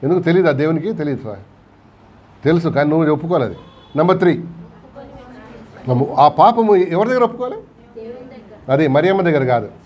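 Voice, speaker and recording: A man's voice: fairly high pitch, expressive, fairly quick, long pauses, a little mellow. A man with a Telugu accent preaching a sermon in a church, asking the congregation questions and acting out quotes along the way. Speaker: pastor. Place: church hall.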